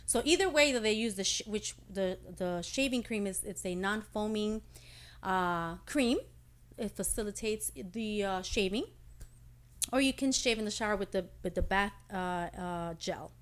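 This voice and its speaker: A woman from Puerto Rico, a guest in a casual interview, animated and laughing, with hesitant fillers when she explains. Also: medium pitch, normal speed. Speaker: interview guest, singer and skincare entrepreneur.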